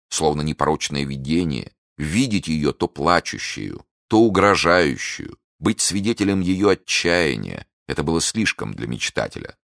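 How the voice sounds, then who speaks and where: A male audiobook narrator with a very deep, low voice, reading in a measured, expressive way. The sound is dry and close, with no room around it. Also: gravelly, no echo.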